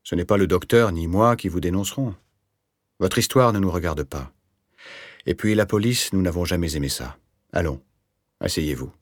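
A man's voice: deep voice, normal speed, pauses often, no echo, studio quality. A man doing a patient, wry companion. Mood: calm. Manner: patient, gently ironic. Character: calm, patient, wry middle-aged man. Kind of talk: audiobook character voice.

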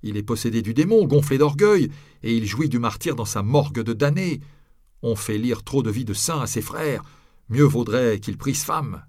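A man shouting as an agitated townsfolk crowd. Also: mid-range voice, animated, moderate pace, no room sound, clean studio sound, lightly acted. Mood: arguing. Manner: shouting, pleading and jeering. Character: jeering crowd of townsfolk, mixed shouting onlookers.

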